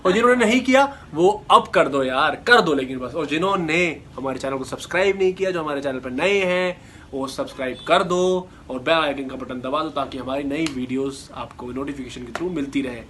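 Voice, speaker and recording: A man's voice: a little high, brisk, sharp tone, slight background noise. A man hosting his channel's outro, chatty and upbeat, coaxing viewers to like and subscribe. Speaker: channel host and actor. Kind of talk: casual video outro.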